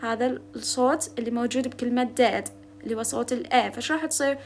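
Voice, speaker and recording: A young woman with an Iraqi Arabic accent gives a textbook lecture in a high, light voice. She reads the English lines slowly and carefully, then explains each one in relaxed colloquial Arabic. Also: slight background noise. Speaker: English linguistics teacher.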